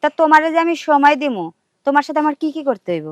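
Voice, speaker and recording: Young woman as scheming bossy girl, high fast voice, dry sound. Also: very animated, dry recording. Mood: sly. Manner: brisk, sly and commanding. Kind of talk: comedy TV play acting.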